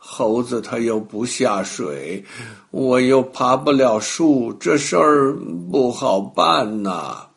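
A scheming young crocodile in a children's storybook, voiced by a man. He coaxes in a sweet, wheedling way, with slow and drawn-out lines that rise and fall in pitch. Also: lively intonation, creaky. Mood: worried. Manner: wheedling and coaxing.

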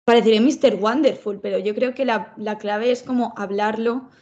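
A woman's voice: on the high side, steady tone, normal speed, a little mellow, dull audio. A young woman, co-hosting a casual podcast over a video call, chatty and slangy. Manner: chatty, slangy, fillers like "en plan" and "tía". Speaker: podcast co-host.

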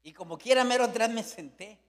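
A man preaching a fervent Pentecostal sermon, swinging between shouts and hushed storytelling. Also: extremely high pitch, fairly quick, in a large hall. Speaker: pastor.

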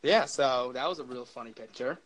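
A man's voice: mid-range voice, brisk, a crowd in the background, rough recording. A young man hosting a casual sports podcast, asking questions and rambling with lots of fillers. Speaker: podcast host.

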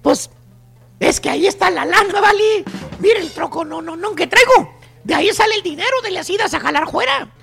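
Slangy, teasing Mexican radio host. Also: male voice, very high voice, lively intonation, brisk, creaky, a bit bright, soft background music. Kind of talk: comedic storytelling monologue.

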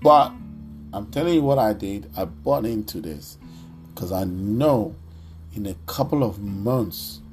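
Low-voiced man giving a hyped crypto-bro pitch. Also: expressive, measured pace, soft background music. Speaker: cryptocurrency video host. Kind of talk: casual commentary on a ranked list.

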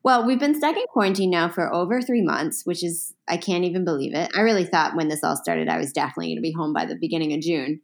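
A woman co-hosting a casual podcast chat, with a voice a little lower than most. She asks questions and laughs along with her friend. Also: fast, vocal fry, hardly any pauses. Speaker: podcast co-host.

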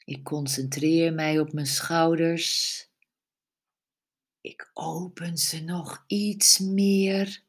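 A woman leading a guided relaxation meditation, giving soft, soothing instructions with long pauses. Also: low-pitched, fairly even intonation, breathy edge.

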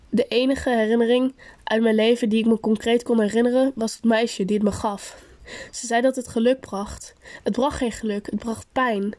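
A woman reading a first-person story aloud in a steady, unhurried way with pauses. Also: fairly high pitch. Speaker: story narrator.

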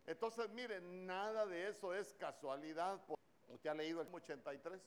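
A man's voice: high voice, fairly even intonation, moderate pace. A man preaching a sermon in a church, with a Honduran Spanish accent, throwing questions at the congregation.

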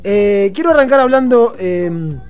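A man in his thirties with an Argentine accent, telling comic stories on live radio in a deadpan, ironic way. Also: sits high, unhurried. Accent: Argentine Spanish. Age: 30s. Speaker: comedy segment host. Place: radio studio.

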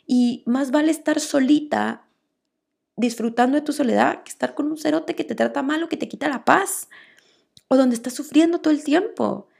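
A woman's voice: sits high, normal speed, gravelly, a little mellow. A young woman, talking casually on a motivational podcast as a coach, earnest and repetitive, coaxing listeners with rhetorical questions. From Guatemala.

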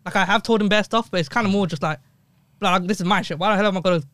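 A man's voice: sits high, very fast, fairly bright tone, dry recording. A young man with a London roadman accent chatting casually, bluntly and in slang, often repeating phrases for emphasis. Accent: London roadman, multicultural London slang. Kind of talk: casual chat.

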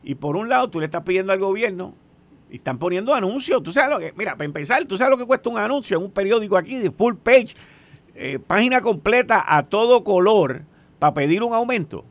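An older Puerto Rican man in his sixties, chatting and telling stories. His voice sits a little high for a man. He is animated and keeps tossing questions to the listener. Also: brisk. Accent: Puerto Rican Spanish. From Puerto Rico. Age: 60s. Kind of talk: casual storytelling chat.

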